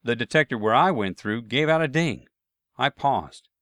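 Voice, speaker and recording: A man recounts his travel mishaps with dry, self-deprecating humor, at an ordinary pitch for a man. He speaks close to the mic in a dead, dry room with no echo. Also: lively intonation, moderate pace, a bit bright. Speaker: storyteller. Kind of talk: first-person anecdote narration.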